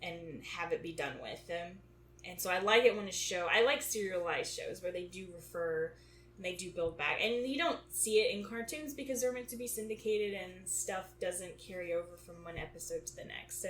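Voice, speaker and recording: A woman's voice: fairly low pitch, normal speed, a bit bright, roomy sound, slight background noise. A woman co-hosting a podcast in casual chat, thinking aloud with frequent restarts. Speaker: podcast co-host.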